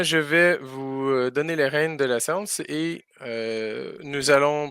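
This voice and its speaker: A man's voice: medium pitch, fairly bright tone, clear, resonant tone, no echo, studio quality. A man doing live spoken interpretation for a school farm tour, hesitating often with fillers and restarts.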